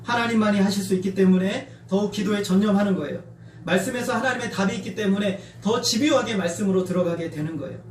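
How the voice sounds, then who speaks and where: A middle-aged male pastor preaches in a high voice, and he acts out shouts and taunts as he goes. His voice rings around the church sanctuary and comes from some way off the mic. A faint hum runs underneath. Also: quick pace, reverberant, distant mic. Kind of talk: sermon.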